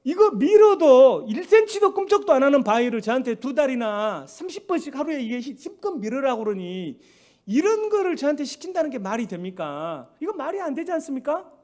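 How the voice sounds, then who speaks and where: A male pastor with a Jeolla accent voicing a frail young man who pleads quietly and protests. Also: very high voice, big pitch swings, a little fast. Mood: complaining. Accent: Jeolla Korean.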